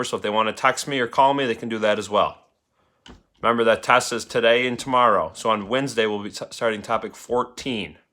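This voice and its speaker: A man's voice: medium pitch, bright, forceful tone. A man teaching a class, reading a story aloud and urging students by name to keep up. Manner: coaxing students to keep up, calling names.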